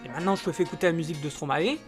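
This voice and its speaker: A man's voice: on the high side, very fast, music in the background. A man chatting casually to camera as a YouTuber. He rambles and hesitates, with many fillers and restarts, in informal, slightly crude speech.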